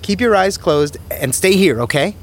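Brief: a man playing a flustered, doting son, lively pitch. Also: moderate pace, slight background noise. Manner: eager, slightly flustered. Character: eager affectionate grown son. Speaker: son and husband.

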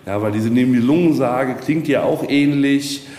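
A castle tour guide leads visitors informally, telling stories loosely with many asides. His mid-range voice has a darkish tone and a normal speed. The recording is in a very echoey, reverberant space with noticeable background noise.

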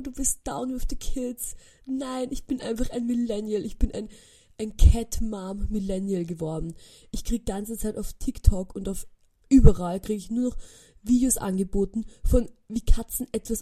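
A woman's voice: medium pitch, mellow, breathy edge. A woman in her twenties with an Austrian accent, chatting casually on her podcast, telling stories and mixing in English phrases. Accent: Austrian German. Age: 20s. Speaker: podcast host. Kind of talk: casual solo chat.

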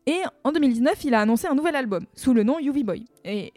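A woman's voice: high-pitched, animated, fast, warm tone, no echo. Chatty French-speaking woman hosting music talk. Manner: chatty and enthusiastic, many fillers. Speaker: music radio host. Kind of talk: casual music chat.

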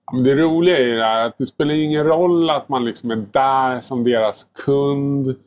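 Male pastry chef guest, relaxed rambling talker, casual swearing. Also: mid-range voice, lo-fi sound. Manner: relaxed, rambling, heavy filler words and mild swearing. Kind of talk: casual podcast chat.

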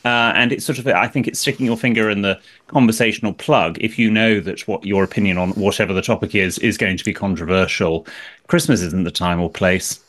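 A man's voice: fairly low pitch, steady tone, fairly quick, a bit bright. A man with prim, precise enunciation, giving etiquette advice as a guest coach in a conversation.

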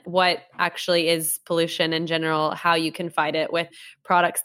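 Woman w/ a blocked nose from a cold, chatty podcast host, voice a bit low. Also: a bit bright. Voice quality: stuffy-nosed, congested from a cold. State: has a cold. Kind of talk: casual podcast chat.

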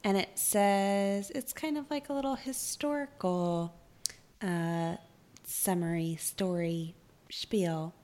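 A woman's voice: mid-range voice, fairly even intonation, slow, darkish tone. A woman co-hosting a podcast, chatting casually in a playful, teasing way. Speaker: podcast co-host. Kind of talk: casual chat.

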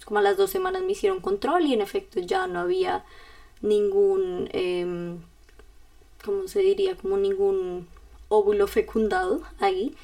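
A young Colombian woman speaks in a relaxed, confiding tone, as if sharing a secret with a close friend. Her voice has a gravelly, creaky texture at a middle pitch. She sits back a little from the microphone, so the sound is slightly distant. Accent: Colombian Spanish. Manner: casual, confiding, calls the listener "bebé". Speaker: vlogger. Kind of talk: personal storytelling.

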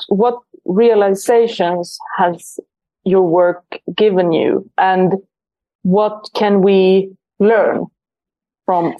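A woman's voice: medium pitch, dull audio. A woman hosting a podcast, chatting casually and repeating words as she searches for what to say. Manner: animated, repeats words while searching for them. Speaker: podcast host. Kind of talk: casual interview chat.

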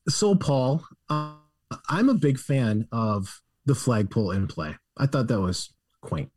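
A man's voice: medium pitch, lively intonation, unhurried, music in the background. A man co-hosting a sports podcast, reading listener questions aloud and chatting casually with a joking tone. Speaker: podcast co-host.

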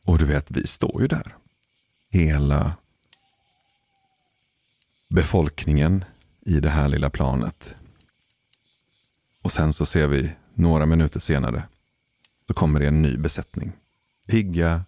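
A man telling a personal story in a casual, measured way, pausing for suspense. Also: very deep voice, mellow, no echo, clean studio sound. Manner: measured, deliberate pauses for suspense. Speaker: podcast storyteller.

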